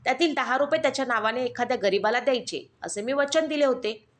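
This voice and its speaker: A woman's voice: high voice, fast talker, close to an everyday voice. Woman reads a simple, earnest poor brahmin man. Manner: earnest praying. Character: poor naive male brahmin.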